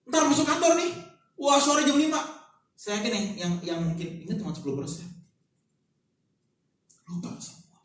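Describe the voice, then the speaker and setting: A male pastor preaches in a high voice and keeps his sermon casual and joking. He fires rhetorical questions at the congregation. The recording is very echoey, and he sounds far from the microphone. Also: sing-song, moderate pace, long pauses, fairly bright tone.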